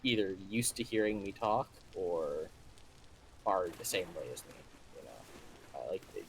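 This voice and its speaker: A man talking quickly as a guest on a live stream, his sentences trailing off softly. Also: low voice, big pitch swings, slight background noise. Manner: talks fast, trailing off softly. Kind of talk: casual chat.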